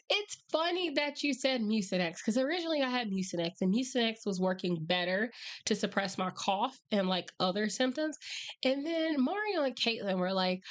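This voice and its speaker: A woman livestream host chatting casually and rambling wryly, her voice hoarse, strained and breaking from being sick. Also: medium pitch. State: hoarse, voice nearly lost from illness. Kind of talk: casual livestream chat with viewers.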